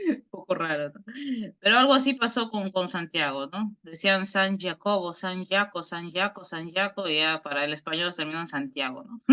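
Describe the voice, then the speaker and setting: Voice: mid-range voice, a bit bright. A Bible study teacher, giving an explanatory lesson over a video call, who tags nearly every phrase with a questioning "right?" and often restarts words while thinking aloud.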